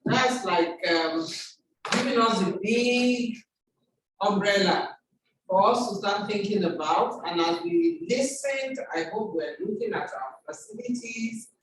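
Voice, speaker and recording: A woman's voice: medium pitch, animated, measured pace, background noise. Woman moderating a conference call. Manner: hesitant, lots of fillers. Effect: conference call audio. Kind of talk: introducing a speaker. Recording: echoey, distant online conference call.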